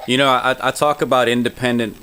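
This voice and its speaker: A man's voice: mid-range voice, fairly even intonation, fast, bright, forceful tone, clean tone. A man interviewing a guest in casual chat, reflective and earnest, with a lot of "like" in his phrasing.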